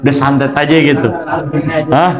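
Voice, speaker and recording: A man's voice: medium pitch, steady tone, normal speed. A man teaching a religious text lesson, explaining playfully with rhetorical questions. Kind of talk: kitab study lesson.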